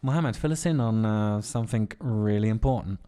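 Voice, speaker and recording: A man's voice: fairly low pitch, brisk, dark tone, clean tone. A man co-hosting a podcast in the middle of the night, sleepy and trading jokes in casual banter. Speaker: podcast co-host. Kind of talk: casual late-night chat.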